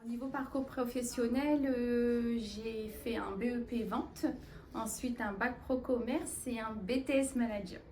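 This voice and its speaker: A woman's voice: fairly high pitch, fairly even intonation, unhurried, echoey room, far from the mic, over music. A woman in her thirties who works in a clothing store, describing her daily tasks simply. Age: 30s. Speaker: store staff. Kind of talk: corporate job interview testimony.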